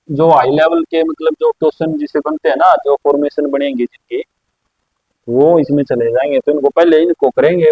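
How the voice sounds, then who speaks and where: A man teaching a maths lesson at a board, explaining slowly and repeating his own questions for the class. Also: on the high side, no room sound. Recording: dry, slightly dull lo-fi sound.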